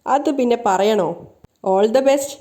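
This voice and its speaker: An easygoing young man from a TV serial, saying his lines in a relaxed way, as a woman reading the recap puts him on. The tone is mellow, with the pitch close to the reader's own. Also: takes it slowly.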